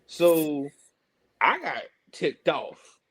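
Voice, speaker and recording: A man's voice: fairly high pitch, sing-song, very slow, a bit bright, a little hiss or hum. A man telling stories casually and animatedly in colloquial speech, acting out the exchanges he quotes. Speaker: pro wrestler telling stories.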